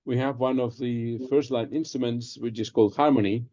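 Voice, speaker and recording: A man's voice: mid-range voice, fairly even intonation, a little fast, warm tone, dry recording. A man giving a conference talk and Q&A remotely over a patchy video call, hesitant with many ums and restarts. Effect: remote talk over a patchy video call link. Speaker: presenter answering audience questions. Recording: muffled, dry video call audio.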